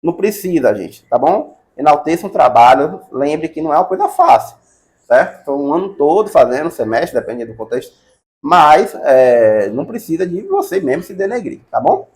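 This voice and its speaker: A man's voice: on the high side, very animated, normal speed, a little mellow. A middle-aged Brazilian man teaching casually, chatty and encouraging, often adding "né" and "tá bom". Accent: Brazilian Portuguese. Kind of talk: casual advice lesson.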